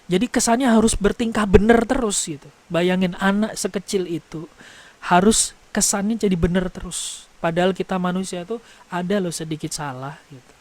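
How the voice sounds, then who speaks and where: Lively man teaching parents. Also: high voice, moderate pace. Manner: animated storytelling, addresses audience as "Bu". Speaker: parenting trainer. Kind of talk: seminar talk to parents.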